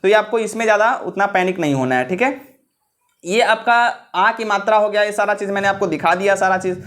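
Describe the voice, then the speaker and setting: A man's voice: sits high, fairly bright tone. A man teaching an old script, repeating himself and checking in with the listener often. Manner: repetitive, checks in with "ठीक है" often; slows down to spell out letters. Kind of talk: classroom-style script lesson.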